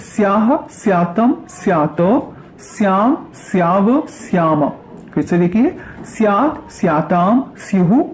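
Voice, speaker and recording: A woman teaching a grammar lesson. She recites verb forms slowly, then asks questions and answers them herself. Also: mid-range voice, mellow. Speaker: Sanskrit teacher.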